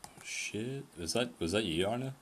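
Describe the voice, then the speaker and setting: A man with a low voice plays a game live and talks it through casually. He chats with friends on voice chat and swears under his breath at bad shots. A faint background hum sits under his voice. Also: animated, fairly quick. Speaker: game streamer.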